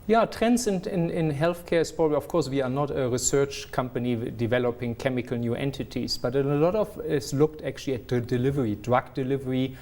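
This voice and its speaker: A middle-aged company executive with a non-South African accent answers business interview questions earnestly. His medium-pitched, darkish voice moves fairly quickly with hardly any pauses, and he often restarts while searching for words.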